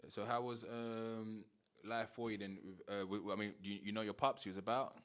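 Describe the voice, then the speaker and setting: A young man hosts a casual interview, asking relaxed questions peppered with London slang and the odd stutter. His voice is fairly low, clear, and resonant, and he speaks briskly.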